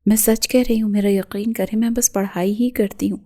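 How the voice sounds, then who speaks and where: A woman's voice: mid-range voice, fairly even intonation, mellow, natural voice. A woman voicing a frightened young female student who pleads through tears and stammers. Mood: tearful pleading.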